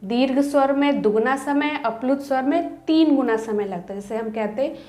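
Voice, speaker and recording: A woman teaching a grammar lesson to students, asking the class questions and then answering them herself, and drawing out the example vowel sounds slowly. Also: sits high, warm tone. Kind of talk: Hindi grammar lecture to students. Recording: roomy echo.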